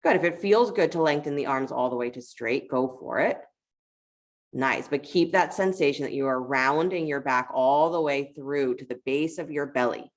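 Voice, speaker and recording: With a rumbling low, creaky voice, a woman guides a yoga session, offering conversational, supportive cues for each step of the movements.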